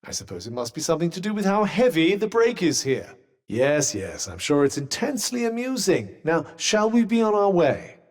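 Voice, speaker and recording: An actor with a British accent voicing an urbane, dry-witted, sardonic magic cuff in a video game, speaking in a formal, articulate way. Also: male voice, fairly high pitch, huge pitch swings, moderate pace. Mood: dry sarcasm. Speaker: video game companion character. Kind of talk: scripted game dialogue.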